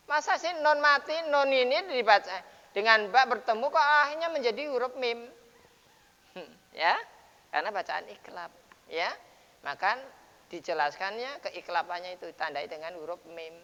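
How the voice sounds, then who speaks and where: A man teaching recitation rules at a dawn mosque lesson, patiently explaining and then chanting the words slowly and loudly. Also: high voice, expressive. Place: mosque, after dawn prayer. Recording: dull lo-fi sound with long mosque reverb.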